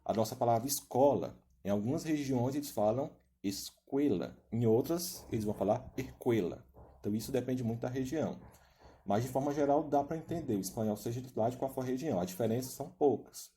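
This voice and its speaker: Man with a very dark, mellow voice teaching. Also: medium pitch, fast. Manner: explanatory, frequent "né?" tags. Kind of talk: recorded video lesson.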